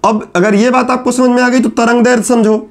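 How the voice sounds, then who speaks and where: High-pitched man teaching a lecture. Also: level tone. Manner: asks the class questions and answers them himself; repeats key terms slowly to stress them. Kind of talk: classroom lecture at a whiteboard.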